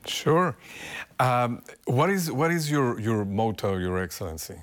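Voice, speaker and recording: A man interviewing a bishop, asking polite, formally worded questions with frequent halting restarts. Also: medium pitch, very animated.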